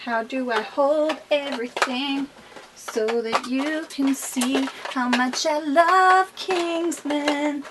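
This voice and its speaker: A woman's voice: high-pitched, slow pace, background noise. A young woman vlogging about her favorite things in a bubbly, enthusiastic, chatty way. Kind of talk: casual favorites vlog.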